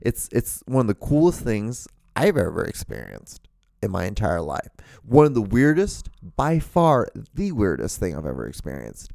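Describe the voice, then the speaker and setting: His voice is lowish and gravelly, a little mellow, with huge pitch swings and a normal speed. He's a man from Honduras in his thirties hosting a solo podcast, seated at home in front of a camera with a studio mic and earphones, speaking in a casual, rambling, profane way with lots of restarts. The recording is dry.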